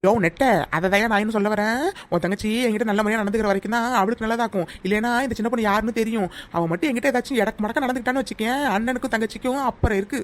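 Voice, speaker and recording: Give me a vain, chatty young village wife in a cartoon, voiced by a woman, a bit high and very quick. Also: fairly even intonation, close to an everyday voice. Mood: scolding. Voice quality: loud, scolding village banter. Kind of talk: cartoon voice acting.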